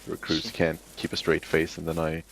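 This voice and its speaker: A man with a very deep, flat voice talks with squad mates mid-game. His humor is dry and blunt, and he swears without hesitation. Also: moderate pace, vocal fry, a crowd in the background. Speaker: gamer who trains recruits. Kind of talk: casual chat during online game.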